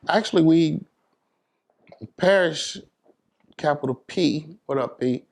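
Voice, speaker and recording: This interview guest is an American from New York City whose voice is fairly high, creaky and a little mellow, and he talks slowly. He chats colloquially, repeatedly checking in with phrases like "you know what I'm saying".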